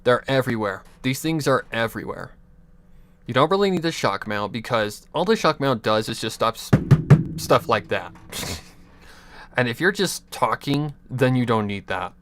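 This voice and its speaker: A young male streamer chats casually on a livestream from his home computer desk into a USB desk mic, with slight background noise. His medium-pitched voice is animated and fairly bright, at a moderate pace. He gives rambling advice, full of restarts, chuckles and offhand swearing.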